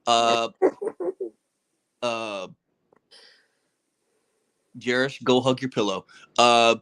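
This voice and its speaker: A man's voice: mid-range voice, steady tone, drawn-out words, fairly bright tone, smooth. A man hosting a casual sports podcast, ranting in an exasperated, heated way with swearing and teasing of his co-hosts. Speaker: podcast host.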